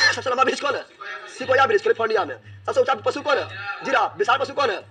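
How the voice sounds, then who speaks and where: A man's voice: very high voice, expressive, quick pace, a crowd in the background. A man teaching an exam-prep lesson, asking questions and answering them himself, repeating each answer as a drill.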